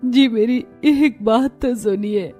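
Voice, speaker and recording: A woman voicing a timid, tearful young daughter-in-law in a cartoon, pleading softly. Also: on the high side, slow, soft background music. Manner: pleading, soft.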